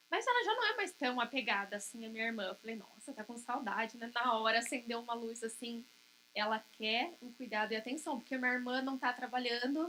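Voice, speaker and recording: A woman in her thirties giving a church talk, telling family stories and softly acting out what was said. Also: high-pitched, slight background noise. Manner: tells homely anecdotes, acting out dialogue softly. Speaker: pastor's wife preaching. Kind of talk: sermon with personal story.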